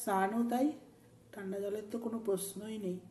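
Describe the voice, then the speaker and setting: A woman's voice: medium pitch, fairly even intonation, a little fast, dark tone. A woman with a sore throat, chatting homely in a casual cooking vlog from her home kitchen, explaining each step. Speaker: vlogger.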